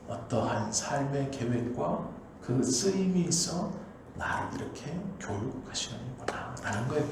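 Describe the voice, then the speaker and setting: A man's voice: medium pitch, gravelly, a little hiss or hum. Man preaching in a very echoey church. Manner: emphatic, repetitive exhortation. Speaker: pastor. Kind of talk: sermon. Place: church sanctuary.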